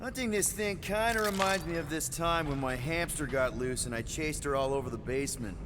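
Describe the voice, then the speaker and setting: An actor playing a young, wisecracking leader of space outlaws in a video game, talking casually and glibly. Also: male voice, fairly high pitch, fairly quick, very noisy, lightly acted. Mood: joking. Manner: casual, glib, joking.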